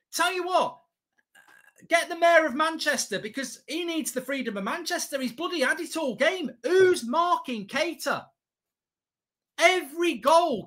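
A man's voice: very high-pitched, bright, forceful tone. A man, reacting live to a football match as a watchalong host, exasperated, emphatic, repetitive and sweary. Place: small indoor studio set at a desk.

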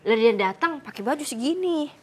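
Animated laughing woman. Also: sits high, moderate pace. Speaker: guest. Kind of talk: casual comedic chat.

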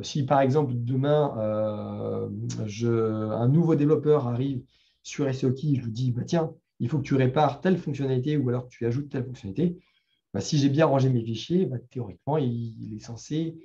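A middle-aged man with a French accent gives a conversational live talk with a screen demo at a developer meetup, full of fillers and restarts. His mid-range voice is brisk, gravelly and warm, and the sound is lo-fi.

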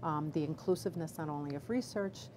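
Middle-aged woman doctor with a low voice; careful, hesitant answers, noisy line. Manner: measured, with many fillers and restarts. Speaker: obstetrician gynecologist, chief medical officer. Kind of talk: live video Q&A answer. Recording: background noise.

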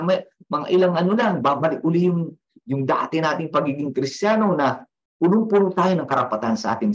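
A man's voice: high-pitched, slightly rough, muffled recording. A man, a pastor giving a devotional sermon in a conversational style, often checking in with "no?" and telling personal stories.

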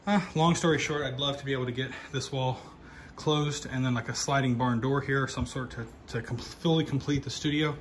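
A man at mid pitch walks through the loft he is turning into a studio, talking loosely and rambling with plenty of uhs. A faint hiss sits under his voice. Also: steady tone, brisk. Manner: loose, rambling, lots of fillers. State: out of breath. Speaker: channel host. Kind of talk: casual vlog update. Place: home loft room being set up as studio.

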